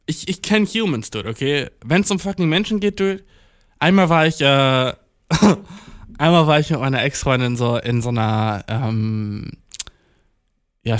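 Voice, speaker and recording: A man's voice: mid-range voice, no echo, clean studio sound. A young man in a casual, rambling monologue, heavy with slang and English words, acting out the voices in his stories. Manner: acts out quoted dialogue while storytelling. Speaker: solo talker.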